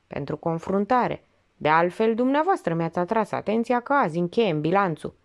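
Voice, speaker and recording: A woman's voice: lowish voice, animated, soft background music. A woman reading the part of an eager, unsure young male subordinate officer who speaks deferentially. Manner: hesitant, deferential.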